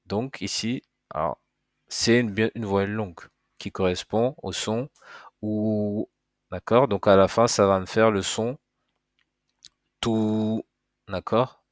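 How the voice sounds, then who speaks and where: A man teaches at a relaxed pace and walks the learner through each step. His voice sits fairly low. The sound is dry and close, with no room echo. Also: normal speed. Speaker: Arabic teacher. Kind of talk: casual spoken lesson.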